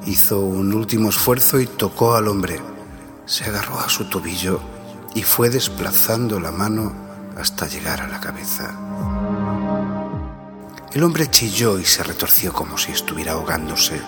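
Low-voiced guy reading a dark story, hushed and grave, long reverb with music underneath. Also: expressive, normal speed, pauses often. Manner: hushed, grave, slipping into whispers. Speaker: narrator. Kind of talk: dramatic story narration. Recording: reverb-heavy with background music.

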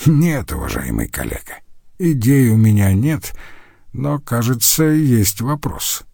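A man voicing a quiet, wry male scholar who answers calmly and courteously. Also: medium pitch, a little slow, creaky, no echo, clean studio sound, full character voice.

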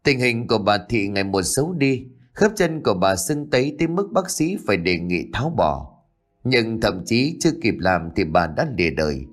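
A man narrating a ghost story in a dramatic, expressive way. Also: lowish voice.

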